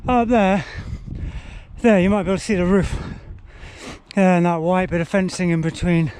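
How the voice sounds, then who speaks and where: A man's voice: high voice, flat delivery, normal speed, darkish tone, clean tone. A man chatting casually to his vlog while out running, in a rambling, dryly self-deprecating way. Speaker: running vlogger. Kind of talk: casual vlog commentary to camera. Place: outdoors on a rural running route. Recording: outdoor ambient noise, passing vehicles.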